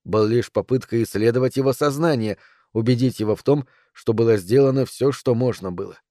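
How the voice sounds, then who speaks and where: Mellow-voiced male audiobook narrator. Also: medium pitch, no room sound, clean studio sound. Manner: calm, measured reading. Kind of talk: novel read aloud.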